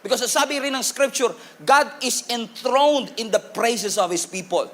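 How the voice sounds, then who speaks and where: A man with a Filipino accent preaching a sermon in a church, animated and humorous, calling on the congregation to respond. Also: very high voice, unhurried. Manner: animated, humorous preaching with Taglish code-switching. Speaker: pastor.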